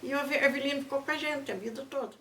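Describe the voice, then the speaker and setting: An older woman with a Brazilian accent, telling family stories in a lively way and acting out the people she quotes. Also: sits high, fast talker, reverberant. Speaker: interviewee. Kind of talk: oral history storytelling.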